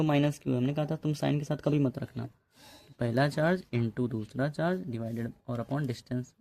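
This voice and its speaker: A man with a mellow, medium-pitched voice and some vocal fry teaches physics in a casual, chatty style. He keeps checking in with his students, calling them bhai and repeating "ok."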